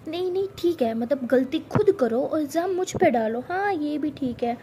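A woman's voice: high voice, animated, normal speed, warm tone, a little hiss or hum. A woman voicing an affectionate young woman who teases her partner playfully. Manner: playful teasing.

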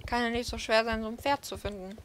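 A woman hosting a let's play, talking to herself in a chatty, playful way as she rides around. Her voice sits fairly high, with a faint hiss underneath. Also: steady tone, fast talker. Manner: chatty self-talk, playful. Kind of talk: casual gameplay commentary.

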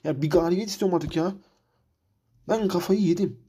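A man's voice: high-pitched, fairly quick, warm tone, slightly rough. A man commentating his football manager game career, frustrated and ranting, repeating himself. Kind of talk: let's-play commentary.

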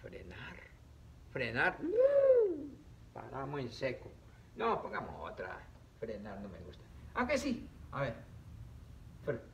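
Animated man teaching children slowly. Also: medium pitch, creaky, a little hiss or hum. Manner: slow, drawn-out syllables, playful and animated. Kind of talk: children's reading lesson on camera. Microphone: camera.

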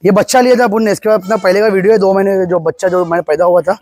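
A man races through an eager pitch in a casual walkthrough, pointing out features and pricing goats in an outdoor farm pen as a nearby phone records. His voice sits high, steady in tone and darkish.

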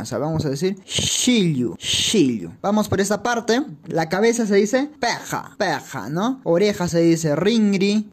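A woman with a Peruvian Spanish accent hosting a language lesson, calmly saying each word and then repeating it slowly. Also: medium pitch, breathy edge. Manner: calm, deliberate, repeats each word twice. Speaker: language teacher, channel host.

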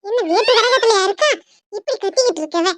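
A woman voicing a sharp-tongued village mother in a cartoon, nagging and sarcastic, with a southern Tamil Nadu accent. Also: very high voice, animated, quick pace. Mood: teasing.

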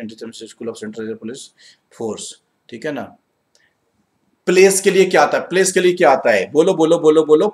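A man with an Indian accent teaching an English grammar live class in a mix of Hindi and English, energetic and coaxing, reading sentences slowly and murmuring to himself while he checks answers. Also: mid-range voice. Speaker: exam-prep English teacher. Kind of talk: live online class, Hinglish.

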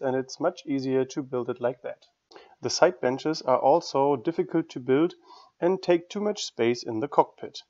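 A man narrating a scripted woodworking tutorial in an even, matter-of-fact way. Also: mid-range voice, highs cut off. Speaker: woodworking channel host.

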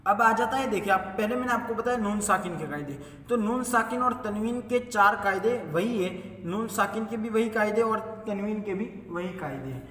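A man's voice: high-pitched, normal speed, fairly bright tone, a little hiss or hum. A man teaching a step-by-step recitation lesson, who asks himself questions and then answers them. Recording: echoey hall, mic far off.

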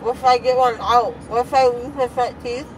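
A woman's voice: on the high side, steady tone, fairly quick, recorded from a distance. A young woman, groggy and loopy after wisdom teeth surgery, chatting in a blunt, sassy way. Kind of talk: casual chat. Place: inside a car, camera at close range. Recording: noisy moving car interior.

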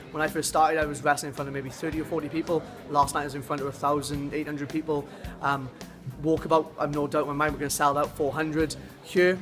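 A man in his twenties, a professional wrestler giving a promotional interview to camera. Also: on the high side. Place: indoor community centre room. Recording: loud music bed under speech.

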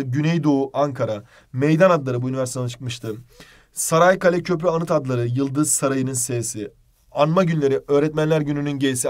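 Brisk man teaching grammar drills. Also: fairly high pitch. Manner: brisk, drills examples in quick lists; direct, addresses students informally. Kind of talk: exam-prep grammar lesson.

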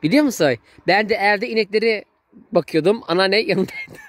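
A man's voice: high voice, normal speed, a bit bright. A man in his thirties filming a casual family vlog, chatty and affectionate with the children. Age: 30s. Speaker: vlogger, uncle.

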